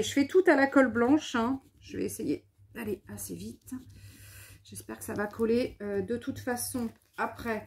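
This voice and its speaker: A woman with a slightly high voice talks through a paper craft project, tired but chatty and self-mocking as she counts out measurements. A faint noise sits under her voice. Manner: thinks aloud and scolds herself playfully. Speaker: scrapbooking video host. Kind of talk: casual craft demonstration.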